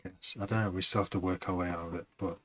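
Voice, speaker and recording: A man's voice: low-pitched, steady tone, racing, fairly bright tone, low-quality recording. A man who produces music, chatting casually on a live stream, rambling and hesitant with many restarts.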